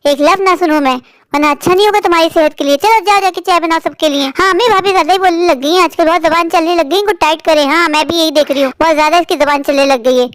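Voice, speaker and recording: A woman's voice: extremely high pitch, quick pace, dry recording. A woman voicing a proud, scheming older mother-in-law who scolds and commands in a cartoon story. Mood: scolding.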